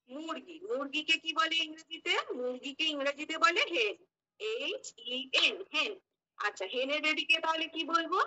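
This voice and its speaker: Bright high-voiced woman teaching children. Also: rough recording. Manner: spells words letter by letter, asks and answers questions; mixes English phrases into the lesson. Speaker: teacher candidate giving a demo class. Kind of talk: mock classroom teaching.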